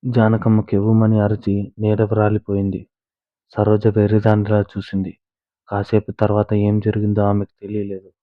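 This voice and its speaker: A man narrating a moral story in a steady, even storytelling manner, recorded on a tinny, dry line. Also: lowish voice, normal speed, dry recording.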